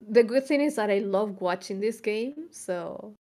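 A young Chilean woman co-hosts a podcast, speaking casually and reflectively with frequent fillers and restarts. Her mid-range voice is mellow, with lively intonation and a measured pace.

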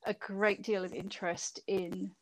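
Heard on a rough recording, this British woman speaks in a mid-range voice, a little slowly and with flat delivery. She's a middle-aged ex-MP appearing as a guest in a casual interview, chatty, meandering, and quick to laugh.

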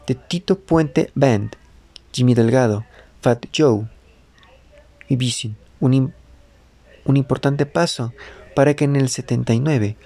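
A man narrating a life story in the first person, reading phrase by phrase with some halting self-corrections and words dropped to a whisper. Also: medium pitch, mellow.

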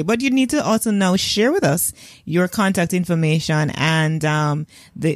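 Woman podcast host, lowish voice, slow measured talk, dry close mic. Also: dry recording. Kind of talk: podcast interview.

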